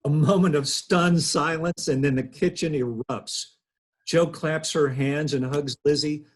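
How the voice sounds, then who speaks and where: Over a video call, through his computer, a man in his thirties reads out stage directions from a script during a table read. His pitch is fairly high, his tone steady and his pace unhurried.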